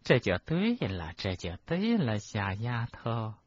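A man voicing a cruel middle-aged witch official in an audiobook, speaking slowly, softly and with menace in a husky voice. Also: fairly low pitch, wildly swooping pitch, highs cut off, full character voice. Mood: coaxing. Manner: slow, soft and menacing. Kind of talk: audiobook character reading.

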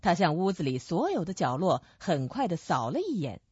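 A woman narrating a radio story in a steady storyteller's manner. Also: lowish voice, normal speed, slightly rough, no room sound. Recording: dull lo-fi recording.

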